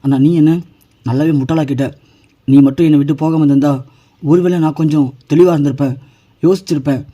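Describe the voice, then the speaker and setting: A man's voice: a little high, mellow, lo-fi sound, lightly acted. A man reading the lines of a hurt young husband reproaching his wife, in his own plain voice.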